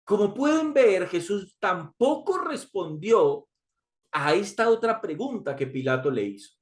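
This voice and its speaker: A man's voice: sits high, sing-song, a little slow. A man preaching a sermon, reading scripture aloud and repeating key lines for emphasis, calling his listeners brothers.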